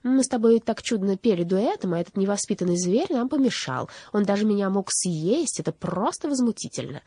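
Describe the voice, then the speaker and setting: A vain old crow diva full of huffy indignation, put on by a woman reading a storybook. Her voice is warm and a little husky and swoops widely as she grumbles. It sits close and dry, with no room around it. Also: medium pitch, animated, a little fast, no room sound, pitched above the performer's own voice. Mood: huffy gossip. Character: vain grumpy old female crow, self-styled diva.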